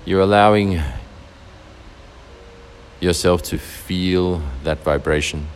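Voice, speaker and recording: A man guiding a meditation in a soft, soothing, unhurried way, leaving long pauses between phrases. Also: deep voice, a little hiss or hum. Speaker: meditation guide. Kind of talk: guided meditation narration.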